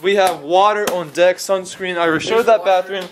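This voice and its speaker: Young man, slightly high voice, casual vlog, laid-back, rambling, handheld camera, noisy background. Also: steady tone, a little fast. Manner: joking, laid-back, rambling room tour. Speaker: vlogger. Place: beach hotel room, indoors.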